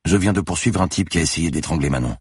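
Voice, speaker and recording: A man voicing a fierce, driven female police lieutenant who shouts urgently, in an audiobook thriller. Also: deep voice, fast talker, husky, no room sound, studio quality, pitched above the performer's own voice. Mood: tense.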